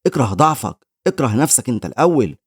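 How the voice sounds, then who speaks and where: A man's voice: medium pitch, very animated, fast, no room sound, studio quality. Man reading a sneering young guild bully, Egyptian accent. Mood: scornful. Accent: Egyptian Arabic. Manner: sneering, scornful. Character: mocking young male bully guild leader.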